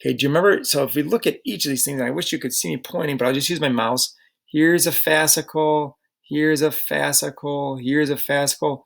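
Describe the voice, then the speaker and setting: A man's voice: a little high, fairly even intonation, a little fast, creaky, fairly bright tone. A middle-aged man teaching a recorded slide lecture, casual and chatty, often checking in with rhetorical questions.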